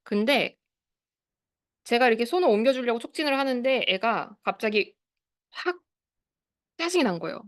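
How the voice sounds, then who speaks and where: A woman's voice: a little high, lively intonation, moderate pace, pauses often, dry recording, clean studio sound. A woman in her thirties, a speech therapist giving an online lecture to parents and teachers, explaining and asking the audience questions. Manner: explanatory, asks the audience questions, acts out quoted phrases. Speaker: speech therapist leading a study group.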